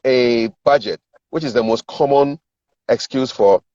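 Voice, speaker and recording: In a medium-pitched, darkish voice at a measured pace, a Ghanaian-accented coach in middle age offers communications and sales advice during a casual interview. He explains points, performs example dialogue and repeats words to stress them, in a recording that's echoey and dull.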